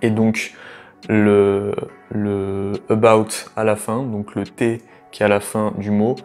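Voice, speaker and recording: A man's voice: fairly low pitch, level tone, slow pace, a little mellow, soft background music. A man in his late teens casually explaining things to the listener, rambling with many fillers and restarts. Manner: addresses the listener familiarly as "tu". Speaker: language tutor.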